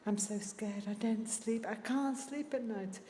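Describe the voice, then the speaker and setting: A woman's voice: a little high, measured pace, dark tone, slight background noise, close to an everyday voice. A woman voicing the pleading inner thoughts of a frightened woman who is paralysed and trapped inside her own body, as a recorded dramatised monologue. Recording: echoey hall playback with long reverb.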